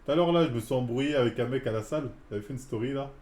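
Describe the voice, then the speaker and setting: Heavy background noise and an echoey room surround this fitness streamer, a man in his forties. He fires off a rapid, medium-pitched rant on a live stream about a gym encounter, using casual, heated street-style slang.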